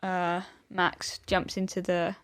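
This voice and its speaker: A woman co-hosting a casual film podcast, chatty and quick to laugh. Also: lowish voice, monotone, fairly bright tone, clear, resonant tone. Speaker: podcast co-host.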